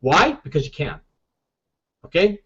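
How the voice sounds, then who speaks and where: A man's voice: fairly high pitch, big pitch swings, a little slow, pushed and bright, slightly rough. A man leading a casual group call as a marketing team leader, emphatic and repeating "okay?" often, over dull lo-fi call audio.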